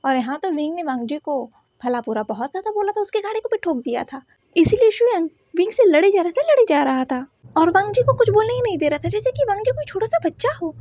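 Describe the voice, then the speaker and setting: A woman narrating a fan fiction story in a lively, chatty way, talking to her listeners. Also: very high voice.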